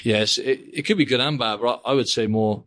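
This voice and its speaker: A man's voice: mid-range voice, brisk, fairly bright tone. A man hosting a podcast over a video call, bantering and joking, laughing often and leaning on fillers. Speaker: podcast host. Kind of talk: casual chat.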